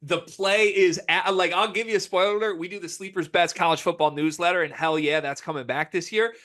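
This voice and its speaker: Emphatic American man talking sports, slightly high voice. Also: steady tone, brisk, a bit bright. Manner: emphatic, informal slang with hyperbole. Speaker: sports podcast host. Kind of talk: casual sports talk and banter.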